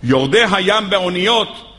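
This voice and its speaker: A man's voice: animated, bright, forceful tone, long reverb tail. A man giving a religious text lesson, reading sources and then driving his points home with rising, emphatic delivery. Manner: rises to high, emphatic pitch when making a point. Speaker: Torah teacher.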